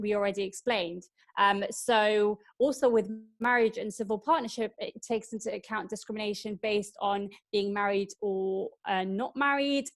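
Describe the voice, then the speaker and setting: A woman explaining the law in an educational workshop, thoughtful with many ums. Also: medium pitch. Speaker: workshop presenter.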